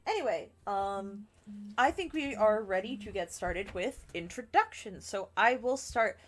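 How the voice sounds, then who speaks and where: A woman acts as game master for an online tabletop game. She talks in a loose, easygoing way, pausing on fillers as she hands the turn from player to player. Her pitch sits in a plain middle range. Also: expressive. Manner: loose, hesitant, many fillers. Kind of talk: casual tabletop game hosting.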